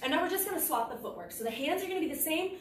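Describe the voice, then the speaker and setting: A woman's voice: high-pitched, lively intonation, racing. A young woman instructing a kickboxing workout, calling out moves in clipped cues as she exercises. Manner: physically exerting while talking, in clipped cues. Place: large indoor martial arts gym with mats. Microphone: far camera across the room. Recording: echoey gym, distant mic, noisy.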